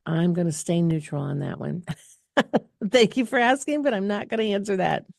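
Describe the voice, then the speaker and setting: A middle-aged woman hosts a casual live Q&A for a health clinic, answering viewer questions in a chatty, rambling way full of fillers and restarts. Her mid-range voice is gravelly and moves at a moderate pace, captured with studio quality and no echo.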